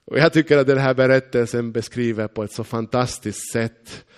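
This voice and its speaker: A man from eastern Uusimaa preaching in a Finland-Swedish accent, with a voice of ordinary middle pitch. He delivers a storytelling sermon to his congregation. He leans hard on his key phrases and draws them out slowly. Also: steady tone, clean tone.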